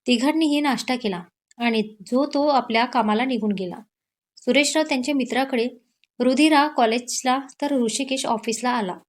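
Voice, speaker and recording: A woman storyteller narrating a romantic audio story in a steady, even way. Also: on the high side.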